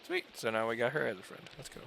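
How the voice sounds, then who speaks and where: A man chatting casually while playing a co-op game, laid-back and jokey, now and then yelping loudly. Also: mid-range voice, huge pitch swings, fast, vocal fry, a little hiss or hum. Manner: laid-back, jokey, swings into loud yelps. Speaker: gamer playing co-op. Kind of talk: casual gaming chat.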